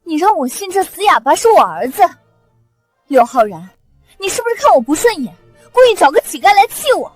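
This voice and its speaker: An actress playing a noble mother in a costume drama, shrill, accusing and melodramatic. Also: very animated, a little fast, faint music behind.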